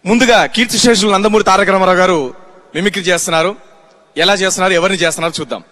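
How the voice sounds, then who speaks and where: A mimicry artist on stage, chatting and introducing each impression. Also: male voice, sits high, fairly even intonation, racing, bright, forceful tone. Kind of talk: stage comedy show. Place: outdoor stage event before a crowd.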